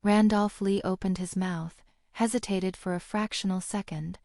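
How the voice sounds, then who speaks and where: A woman narrating a fantasy novel audiobook in a steady, even storytelling delivery. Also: medium pitch, moderate pace, no echo, clean studio sound.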